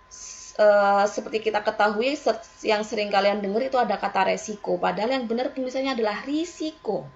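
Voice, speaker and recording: A woman's voice: mid-range voice, dull audio. A woman teaching a school language lesson, explaining to her students and asking them questions as she goes. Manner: lively, with rising questions and repeated "ya".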